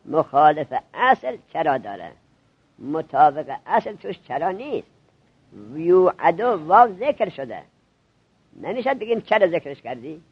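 A man teaching a classroom grammar lesson to seminary students, drilling them with quick questions. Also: a little high, slightly rough, no room sound, lo-fi sound.

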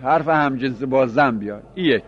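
A man's voice: mid-range voice, highs cut off. A man teaching a grammar class, explaining by repeating examples and asking his students questions.

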